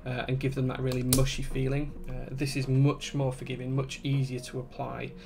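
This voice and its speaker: Gravelly Yorkshire man, even-toned. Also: medium pitch, moderate pace, background noise. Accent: broad Yorkshire English. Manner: relaxed, conversational, reading out chat comments. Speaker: livestream host and keyboard builder. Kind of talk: casual livestream chat.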